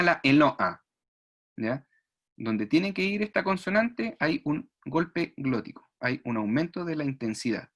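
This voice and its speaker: A man's voice: fairly high pitch, fairly bright tone. A man giving an online speech therapy lecture, explaining patiently, demonstrating sounds and checking "¿ya?" often. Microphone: video call.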